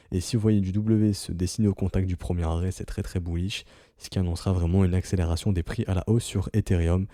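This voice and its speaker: A man with a deep, very mellow voice talks through market charts in a casual, explanatory way. He keeps checking in with his listeners as he goes, and the sound is dry and close with no room around it. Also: no room sound. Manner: explanatory, peppered with "ok?" and "hein". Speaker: crypto market analyst. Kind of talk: casual chart analysis commentary.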